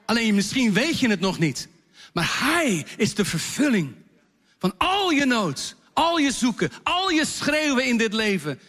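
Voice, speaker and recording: A man preaches from the front of a church, talking animatedly about a song he wrote and breaking into its lines. His voice sits fairly high, and the hall's long reverb hangs behind every phrase. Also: sing-song, a little slow, a bit bright. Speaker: pastor and songwriter. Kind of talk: sermon explaining a worship song. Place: church hall.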